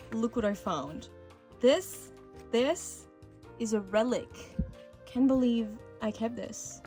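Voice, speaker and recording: A young art vlogger whose first language is French chats cheerfully while crafting, bubbly and full of fillers and restarts. Her voice is fairly high-pitched and mellow.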